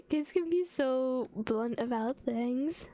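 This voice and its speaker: Cute, high-voiced anime streamer woman, giggly. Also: mellow, no echo. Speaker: streamer reacting to memes. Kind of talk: casual livestream reaction chat.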